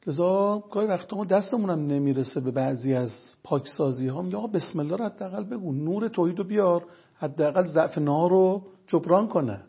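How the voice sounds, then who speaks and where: A fairly high-voiced man with a gravelly, deeply raspy tone explains his points one after another as an invited lecturer. He talks in an earnest, storytelling way. The sound is dull and lo-fi, like an old broadcast. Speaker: religious health lecturer guest.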